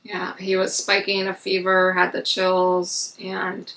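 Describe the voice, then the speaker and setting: A woman's voice: on the low side, monotone, slow pace, pushed and bright. A middle-aged woman telling a personal story in a casual, earnest and candid way, as a vlogger. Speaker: vlogger recounting RV life. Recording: slightly distant mic, music underneath.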